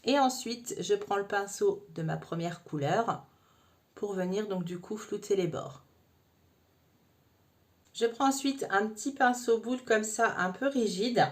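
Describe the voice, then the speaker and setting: A woman's voice: medium pitch, unhurried. A woman talking the viewer through a makeup tutorial in a chatty, informal way. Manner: chatty, addresses viewer informally with frequent "hein". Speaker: makeup vlogger.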